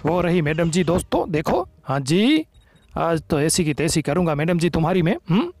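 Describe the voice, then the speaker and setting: A young man hosting a gaming channel, giving excited, teasing gameplay commentary full of playful taunts. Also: a little high, moderate pace, dry recording, soft background music.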